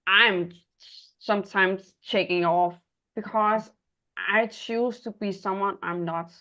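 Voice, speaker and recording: A Danish woman from Denmark hosts a personal, reflective interview in non-native English, haltingly searching for words. Her mid-range voice has a sharp tone and fairly even intonation.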